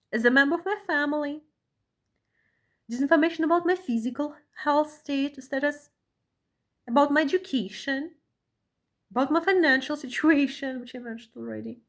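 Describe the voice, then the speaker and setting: A woman from Russia who talks earnestly while reading a document aloud, often ending phrases with a questioning "yeah?" and repeating herself. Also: sits high. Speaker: vlogger, asylum seeker.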